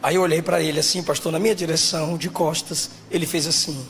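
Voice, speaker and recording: A man, a pastor, preaching a sermon, shouting and half-singing his appeals and then telling stories quietly. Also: on the high side, fairly even intonation, quick pace. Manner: shouts and half-sings exhortations, then drops to quiet storytelling. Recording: music playing behind the voice.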